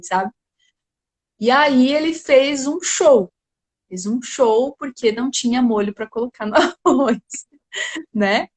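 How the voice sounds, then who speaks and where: A woman speaking at home in a live talk as a parenting guest, often ending phrases with "né?". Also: on the high side. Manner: tags sentences often with 'né?'. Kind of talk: casual explanation in a live talk.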